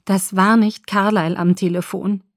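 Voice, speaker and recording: A woman voicing a quick, sharp-tongued young woman in an audiobook, speaking hastily in a raised, cutting voice. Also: mid-range voice, fairly even intonation, no room sound, studio quality, close to an everyday voice. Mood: despairing. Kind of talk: audiobook character reading.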